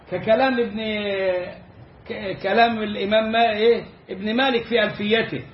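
Egyptian male teacher, explanatory, stretches out example words; high voice in a roomy space. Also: a little hiss or hum. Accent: Egyptian Arabic. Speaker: Islamic teacher. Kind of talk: lecture on Quran recitation rules. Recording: echoey, slightly dull room recording.

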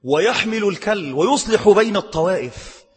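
A man with an Egyptian Arabic accent delivers a quick-paced, emphatic sermon. He has a high, slightly husky voice and keeps pressing the listener with rhetorical questions. His voice rings out with a long reverb, as in a large hall. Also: animated. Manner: mixes formal recitation with colloquial asides. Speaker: preacher.

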